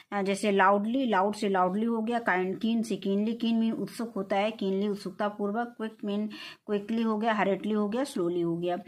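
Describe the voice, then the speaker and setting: A woman teaching from an English textbook. She reads answers aloud slowly with an Indian English accent, then explains them in Hindi with frequent "uh" fillers. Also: medium pitch.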